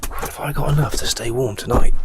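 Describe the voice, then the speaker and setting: A man's voice: medium pitch, noisy background. A man, out of breath on a foggy outdoor walk, giving wry, self-mocking vlog commentary. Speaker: vlogger.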